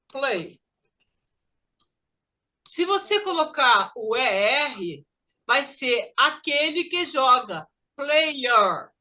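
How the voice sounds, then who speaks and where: Bright high-voiced Brazilian woman teaching English. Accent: Brazilian Portuguese. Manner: lively, drills words slowly for students to repeat. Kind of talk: online English pronunciation lesson.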